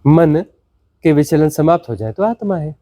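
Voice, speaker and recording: With lively intonation and a mellow voice, a man leads a satsang at a moderate pace, recorded dry. As a spiritual teacher, he keeps repeating words, poses rhetorical questions, and lets his pitch rise and fall dramatically.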